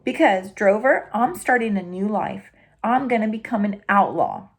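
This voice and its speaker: A woman's voice: mid-range voice, expressive, normal speed. A woman reading the lines of a proud, self-pitying male ranch dog in an indignant, dramatic manner. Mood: defiant.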